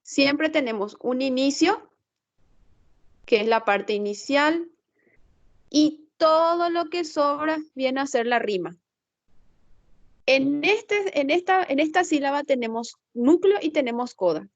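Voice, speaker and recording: A woman's voice: high voice, animated, takes it slowly, long pauses, no room sound, dull audio. A woman teacher explaining a lesson in an online class, patiently checking that students follow along and thinking aloud as she works the slides. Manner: checks understanding with frequent tag questions.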